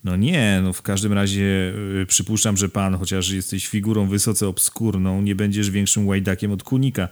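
A man's voice: flat delivery, normal speed, few pauses, a little mellow, close to an everyday voice. A man voicing a sickly, hysterical young aristocratic count who sneers and whines in an audiobook. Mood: haughty. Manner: shrill, sneering, tearful.

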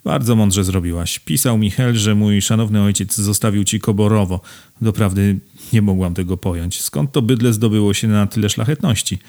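A man's voice: lowish voice, moderate pace, a little mellow, close to an everyday voice. A man reading aloud and voicing a passionate young woman who begs her friend with rising emotion. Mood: persuasive. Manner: imploring, emotional.

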